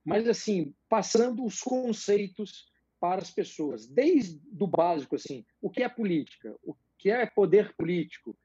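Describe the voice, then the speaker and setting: A man explaining political ideas as a guest in a live interview, measured and hesitant, with many fillers. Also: high-pitched, very animated, warm tone, slightly rough, no room sound, lo-fi sound.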